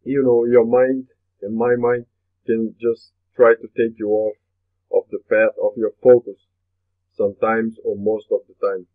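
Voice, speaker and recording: Unhurried and level in tone, a fairly low-pitched Brazilian man leads a motivational webinar with sincere earnestness, circling back to repeat his phrases. Portuguese is his native language, and his Brazilian Portuguese accent comes through the tinny, phone-like webinar recording.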